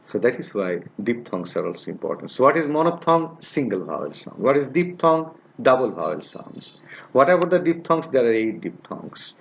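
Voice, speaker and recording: A man teaching a phonetics lesson, repeating example sounds over and over and pausing often with fillers. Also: medium pitch, very animated, vocal fry, a little hiss or hum. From Bangladesh. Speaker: English teacher. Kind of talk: classroom lecture on phonetics.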